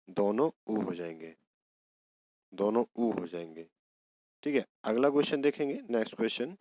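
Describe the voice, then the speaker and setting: A man's voice: medium pitch, a little mellow, no room sound, rough recording. A man teaching an exam prep lesson, working through each question step by step and answering his own prompts.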